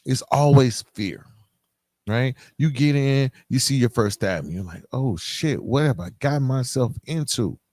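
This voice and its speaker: An American man hosts a solo podcast, talking conversationally and emphatically in colloquial street slang while often checking in with his listener. His mid-range voice is animated and a little mellow, a touch slow, and the recording is dry.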